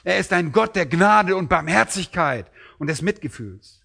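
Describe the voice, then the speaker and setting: A man's voice: sits high, lively intonation, moderate pace, gravelly, pushed and bright. Emphatic German-speaking male preacher. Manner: emphatic, rising sharply when quoting the master. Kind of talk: sermon.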